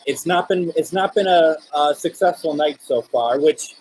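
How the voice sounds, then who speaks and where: A man hosting a live spirit-communication session, speaking in gentle, coaxing questions with pauses between them. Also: fairly high pitch, breathy edge, rough recording. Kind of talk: live-streamed seance, addressing spirits and viewers.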